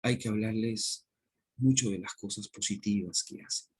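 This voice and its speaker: A man's voice: on the low side, normal speed, a little mellow, breathy edge. A man, a teacher giving earnest parenting advice in an informal talk, repeating himself and asking rhetorical questions.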